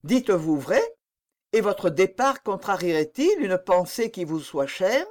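A woman's voice: medium pitch, very animated, a little slow, a little mellow. A woman reading the part of a young king, lovesick and pleading, in an impassioned, exclaiming manner for an audiobook.

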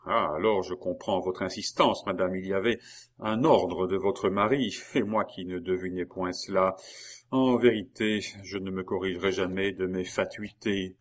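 A man's voice: low voice, fairly even intonation, moderate pace. A man reading aloud, voicing a jealous, ardent young man in love with an intense, earnest delivery. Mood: reproachful. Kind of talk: audiobook character voice.

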